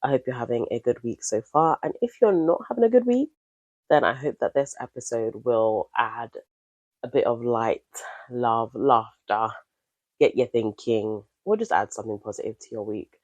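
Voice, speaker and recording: A woman in her thirties hosts her own podcast, chatting casually on her own in a candid, upbeat way while sounding nasal from a cold. Her voice is very deep and slightly mellow, at a moderate pace, in a dry, dull-sounding recording.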